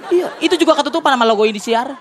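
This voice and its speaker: High-voiced Jakarta man doing loud stand-up. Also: rapid-fire, a crowd in the background, background noise. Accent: Jakarta colloquial Indonesian. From Tanjung Priok, Jakarta, Indonesia. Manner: loud, excitable, bursts into shouted punchlines. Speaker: stand-up comedian. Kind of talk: stand-up comedy routine. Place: TV studio stage with live audience. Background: audience laughter.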